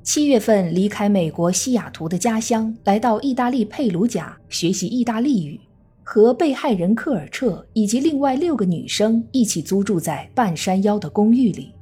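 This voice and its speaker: A woman true crime narrator reading a scripted case story in a measured storytelling manner. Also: medium pitch, animated, mellow, breathy edge. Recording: faint music under the voice. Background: faint background music.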